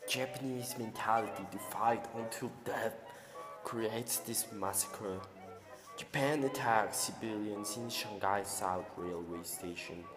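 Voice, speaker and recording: A low-voiced man narrates like an old newsreel announcer, solemn and a little stilted in his phrasing. His voice rings out with a long, roomy reverb, and music plays clearly beneath him. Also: slow.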